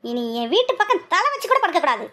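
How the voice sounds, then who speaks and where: A woman's voice: very high voice, big pitch swings, fast, bright, forceful tone, heavily acted. A woman voicing a fiery, fretful village mother-in-law in a cartoon, speaking with a Madurai Tamil accent as she scolds and wails. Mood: scolding. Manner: scolding, wailing and lamenting. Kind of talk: cartoon voice acting.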